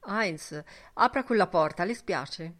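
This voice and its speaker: A woman reading an audiobook, voicing a brash, mocking young man who talks loudly and theatrically. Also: lowish voice, lively intonation, takes it slowly, exaggerated voice. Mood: boisterous, exclamatory. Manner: loud, theatrical, teasing.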